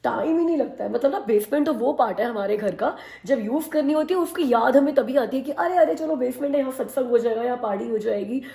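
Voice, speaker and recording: A woman's voice: sits high, quick pace, gravelly, hardly any pauses, mellow. A woman in her thirties with a Hindi accent, chatting casually to her vlog audience and poking fun at herself. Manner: chatty, mixes Hindi and English, self-mocking. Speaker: vlogger.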